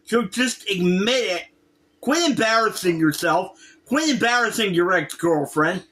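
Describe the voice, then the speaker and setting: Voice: medium pitch, animated, a little slow, fairly bright tone. Exasperated, emphatic commentator, mid-range voice. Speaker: reaction video commentator. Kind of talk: casual opinion rant.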